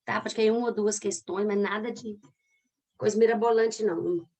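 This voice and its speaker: A woman's voice: mid-range voice, fairly even intonation, a little fast, a little mellow. A woman with a Brazilian accent teaching a literature class, explaining in a chatty way and talking straight to her students. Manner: stretches words out when scanning syllables. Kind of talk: recorded online class.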